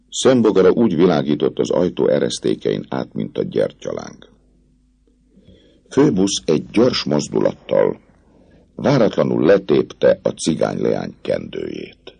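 A man narrating a literary novel in a slow, dramatic storytelling manner. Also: very deep voice, vocal fry, mellow, breathy edge. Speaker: audiobook narrator.

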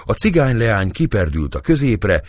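A man's voice: on the low side, very animated, dry recording, clean studio sound. A man narrating a novel as an audiobook reader, telling the story expressively.

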